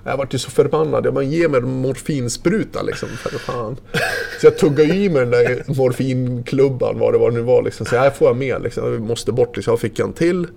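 Gravelly-voiced man telling a story. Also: mid-range voice, fairly even intonation, hardly any pauses, warm tone. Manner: vivid, loose retelling full of fillers and mild swearing. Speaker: former ski racer guest. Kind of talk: casual storytelling.

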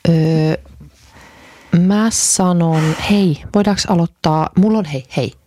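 A woman in her forties co-hosting a casual chat podcast, keeping her voice low and hushed in a makeshift home studio. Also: dry recording. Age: 40s. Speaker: podcast co-host.

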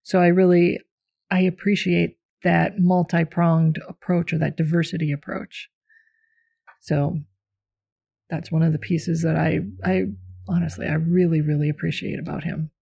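A woman's voice: fairly low pitch, little pitch movement, moderate pace, vocal fry, slightly rough, highs cut off. A woman hosting a podcast about herbalism, explaining plants and teachers in an informal, talkative way. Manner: warmly explanatory, informal, with fillers. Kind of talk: casual podcast chat.

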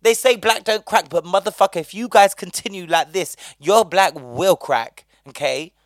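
A man's voice: high voice, moderate pace, no room sound, studio quality. A man hosting a podcast, talking in a casual, heated and profane monologue. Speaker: podcast host.

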